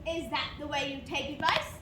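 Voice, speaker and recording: A woman's voice: sits high, steady tone, brisk, close to an everyday voice. A woman playing a domineering, scolding rich old aunt in an amateur stage play, heard from afar in an echoing room with some noise. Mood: imperious. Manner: imperious, scolding. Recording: distant, echoey room, faint noise.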